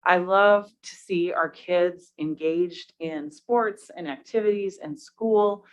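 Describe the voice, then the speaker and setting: A woman on a school board shares fond thoughts about her community, pausing often on ums. Her voice sits very low. The recording sounds dull and muffled. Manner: hesitant, many ums, affectionate. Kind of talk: personal remarks at a board meeting. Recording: muffled meeting-room audio.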